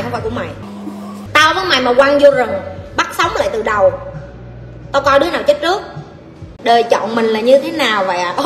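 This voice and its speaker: A woman with a Southern Vietnamese accent, a life coach giving blunt, forceful advice in a livestream Q&A and addressing listeners bluntly. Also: high-pitched. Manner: blunt, forceful, scolding lecture with coarse address. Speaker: life coach answering audience questions. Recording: echoey hall with faint background noise.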